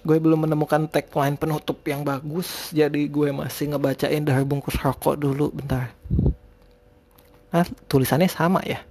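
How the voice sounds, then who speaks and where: Man, Indonesian accent, lisped r, warm mellow voice, casual solo podcast chat, hesitant and rambling. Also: on the high side, level tone, normal speed. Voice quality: lisped r sounds. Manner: informal, rambling, hesitant word-searching. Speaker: podcast host.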